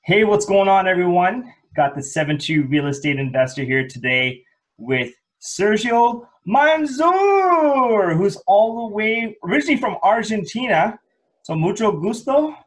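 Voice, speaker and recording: A man's voice: high voice, sing-song, a little slow, low-quality recording. A man hosting a podcast interview, upbeat and chatty, often restarting his sentences. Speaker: podcast host. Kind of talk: casual interview chat.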